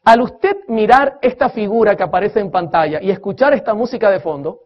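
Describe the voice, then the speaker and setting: A man's voice: high-pitched, fairly quick, noisy background. A man preaching a sermon-style lecture on music, emphatic, asking his listeners questions and counting beats aloud. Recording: dull lo-fi recording.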